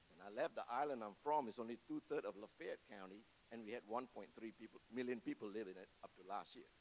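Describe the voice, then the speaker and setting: A man's voice: medium pitch, slight background noise, poor audio. A man, giving a personal testimony to a church congregation and telling his story with humorous asides. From Malaysia. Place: church before a live congregation.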